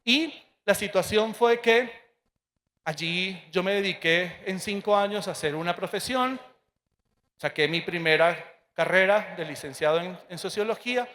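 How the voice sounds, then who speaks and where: A priest in his forties telling a personal testimony to an audience, earnest and emotional, with dramatic pauses. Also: high-pitched, sharp tone.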